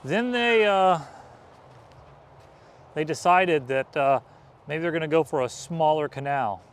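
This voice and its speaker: A man's voice: a little high, normal speed. Man explaining a site outdoors, traffic drone behind. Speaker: vlog host and explorer guide. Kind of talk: casual on-location explainer. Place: outdoors on a woodland trail near traffic.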